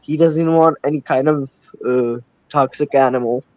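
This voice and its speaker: Speaking at normal speed in a steady, slightly mellow mid-range voice, a young Czech man calls a live stream with questions about his aquarium. He hesitates, restarts and uses many fillers; the audio is poor, with no room sound.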